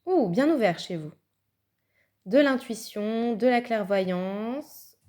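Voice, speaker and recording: A fairly high-voiced woman chats her way through a tarot card reading. She thinks aloud as she goes, with fillers and small laughs, in a relaxed, casual way. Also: slow pace. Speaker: tarot reader.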